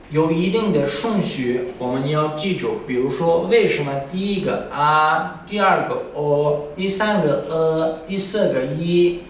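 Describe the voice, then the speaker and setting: A man teaching a recorded university language lesson, drilling tones and syllables slowly and deliberately with frequent hesitations. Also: a little high, slight background noise. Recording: very echoey room, voice far from mic.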